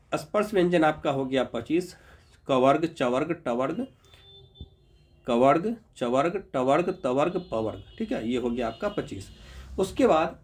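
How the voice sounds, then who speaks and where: Brief: slightly high-voiced man, patient teacher, sounds out each letter slowly. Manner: patient, repeats sounds slowly, checks in with "ठीक है"; addresses viewers as "Babu". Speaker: Hindi grammar teacher. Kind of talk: explanatory lesson.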